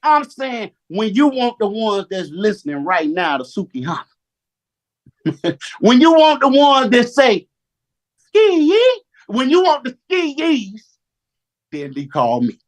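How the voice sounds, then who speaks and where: A man giving a preacher-style motivational talk on a Zoom call, animated and slang-heavy, calling on listeners to answer back. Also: sits high, measured pace.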